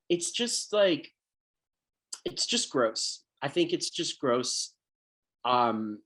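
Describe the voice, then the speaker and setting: A man, a filmmaker, talking casually in an online panel, blunt and passionate, often repeating words as he goes. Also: mid-range voice.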